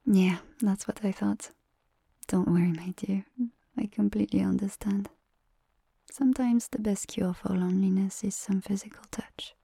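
Woman doing a doting massage attendant, breathy asmr whisper, little french pet names, kinda husky and creaky. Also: mid-range voice, steady tone, normal speed, no room sound. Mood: soothing. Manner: soft whispering, sprinkled with French endearments. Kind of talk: ASMR roleplay.

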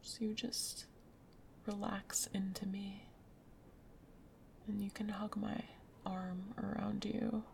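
A woman whispering softly in a gentle, soothing ASMR roleplay as a caring girlfriend. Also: mid-range voice, flat delivery, slow, gravelly, long pauses, slight background noise. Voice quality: soft whispery. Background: rain sounds.

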